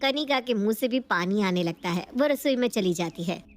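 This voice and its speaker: A woman's voice: medium pitch, animated, moderate pace. A woman giving scripted narration of a cartoon story in a plain storytelling manner.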